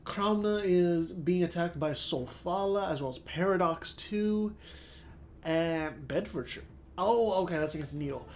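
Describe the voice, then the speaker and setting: At a measured pace, a man with a high, slightly mellow voice rambles casually through a strategy-game let's-play despite a sore throat and stuffy nose. He thinks out loud with lots of fillers, and a faint hiss or hum sits in the recording.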